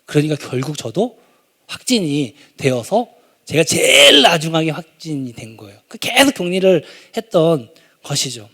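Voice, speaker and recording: Animated high-voiced pastor preaching. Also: male voice. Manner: animated, swings from quiet asides to loud exclamations. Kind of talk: sermon with personal story. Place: church sanctuary.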